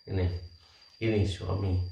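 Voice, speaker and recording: A man's voice: deep voice, little pitch movement, a little slow, gravelly, mellow. A man teasing his wife in a casual family chat and laughing often. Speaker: husband and show host. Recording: roomy echo from a distant mic.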